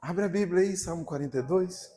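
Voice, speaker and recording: Speaking quickly in a high voice, a young Brazilian Portuguese-accented man delivers a live sermon before a church congregation. His storytelling is lively and humorous, moving back and forth between loud passages and hushed ones.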